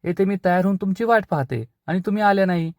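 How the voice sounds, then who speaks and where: A man's voice: high voice, fast talker, no echo, studio quality, voice pushed up. A man voicing a pushy, playful young woman in a serial recap. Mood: teasing. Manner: teasing, insistent.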